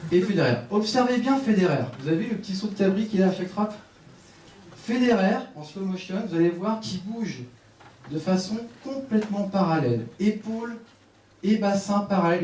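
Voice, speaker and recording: Lively man speaking at a conference. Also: a little high, distant mic, slight background noise. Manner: lively, directive, joking with the audience. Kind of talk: live conference talk with audience exercises. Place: conference room with seated audience. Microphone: headset mic. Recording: echoey room, speaker off-mic at times.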